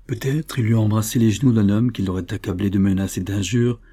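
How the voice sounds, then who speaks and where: Low, husky male audiobook narrator. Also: steady tone, a little fast, mellow. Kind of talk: literary audiobook reading.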